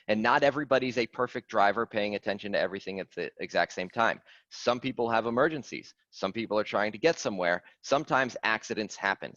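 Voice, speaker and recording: A man, coaching clients on a video call in an earnest, animated way, stressing key phrases by repeating them. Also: fairly low pitch, no room sound. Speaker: fitness coach. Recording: dry, dull lo-fi call audio.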